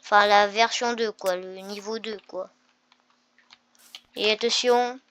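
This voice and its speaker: A woman at medium pitch speaks slowly with fairly even intonation while hosting a gaming video, chatting and thinking aloud with fillers as she tests the game. Game music and other background noise can be heard.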